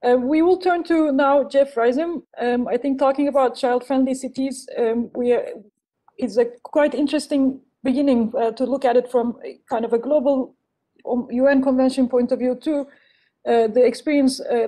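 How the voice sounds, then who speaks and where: A woman in her thirties moderating a webinar over a video call, speaking haltingly with many fillers and restarts. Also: high-pitched, fairly even intonation, warm tone, poor audio. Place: indoors, home room with a plant. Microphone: earphone headset on video call.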